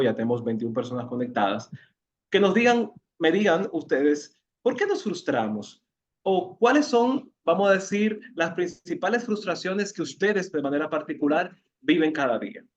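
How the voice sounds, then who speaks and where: A man's voice: medium pitch, a little hiss or hum. A man with a Dominican accent leading an online educational session, explaining patiently and asking the group questions. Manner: explanatory, asks the audience questions, repeats words when searching. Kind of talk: interactive talk to an online group. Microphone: video call. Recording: muffled video call audio.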